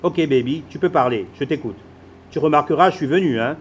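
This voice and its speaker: An actor playing a boastful, hurried Beninese husband with a Beninese French accent who drops English words into his French. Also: fairly high pitch, dull audio, slight background noise, natural voice. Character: flashy busy Beninese husband, phone-obsessed, self-assured. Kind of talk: theatrical monologue.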